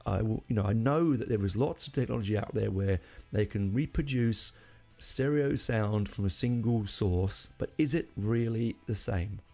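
A man's voice: fairly low pitch, moderate pace, hardly any pauses, dark tone, soft background music. A middle-aged man hosting a podcast, talking alone in a rambling, opinionated way and often correcting himself mid-sentence. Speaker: podcast host. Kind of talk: casual solo monologue.

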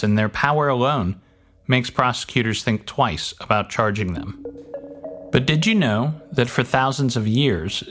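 A man's voice: medium pitch, slight background noise. A man hosting a podcast, reading scripted narration in a dry, wry way with casual swearing. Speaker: podcast host. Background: faint music.

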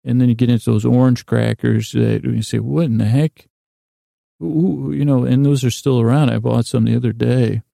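A middle-aged man with a gravelly, creaky voice, hosting a bedtime sleep podcast in a meandering, halting monologue that trails off into tangents. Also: mid-range voice, fairly even intonation, warm tone, no room sound, studio quality. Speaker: podcast host.

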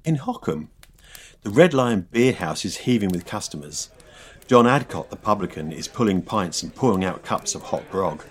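A man tells a folk tale in a deep voice that rises and falls with lively expression. He is playful and engaged, a storyteller setting the scene in an old village pub. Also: normal speed. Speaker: podcast co-host and storyteller. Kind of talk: storytelling narration and banter.

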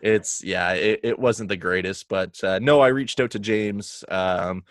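A man's voice: fairly low pitch, unhurried, dry recording, clean studio sound. A young man, chatting as a guest with lots of ums and uhs. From Canada. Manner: hesitant, many fillers. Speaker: guest podcaster. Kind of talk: casual interview chat.

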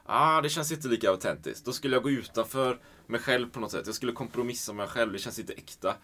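A man's voice: medium pitch, pushed and bright. A man hosting a conversation, reflecting thoughtfully and encouraging his guest. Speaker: podcast host. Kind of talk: casual conversation.

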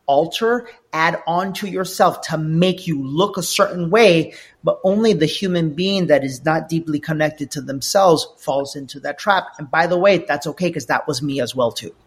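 A man with a husky, slightly breathy voice sitting higher than most men's. He speaks as a life coach in an interview, animated and conversational, stumbling and repeating words as he works through personal anecdotes. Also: normal speed, few pauses.

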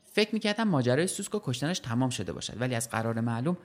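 A man's voice: medium pitch, big pitch swings. Man reading a short story. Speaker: story reader.

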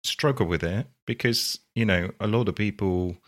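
A man's voice: fairly low pitch, moderate pace. A man co-hosting a casual discussion podcast, musing thoughtfully and asking questions. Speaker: podcast co-host.

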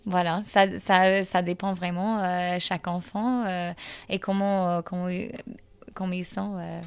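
Brief: woman teacher, low smooth voice, hesitant, halting answers. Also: flat delivery, no echo. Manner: hesitant, many fillers and restarts. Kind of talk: interview answers.

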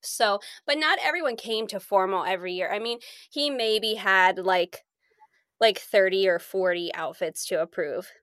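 A woman's voice: medium pitch, normal speed, a bit bright, clean tone, no room sound. A young woman co-hosting a podcast, telling school stories in a chatty way and often laughing as she talks. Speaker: podcast co-host. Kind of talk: casual chat, storytelling.

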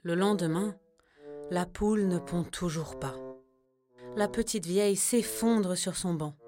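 A woman narrating a children's storybook in a gentle, expressive reading. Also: fairly low pitch, unhurried, music in the background.

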